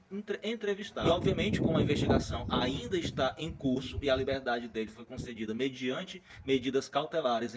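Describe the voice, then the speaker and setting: A man's voice: medium pitch, low-quality recording. A man with a Brazilian accent hosting political commentary, sarcastic and mocking in tone. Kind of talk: opinionated commentary.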